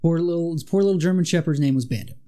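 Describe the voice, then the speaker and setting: A fast-talking man with a mellow, slightly high voice co-hosts a podcast, retelling a monster legend casually with dramatic asides as they chat through the story.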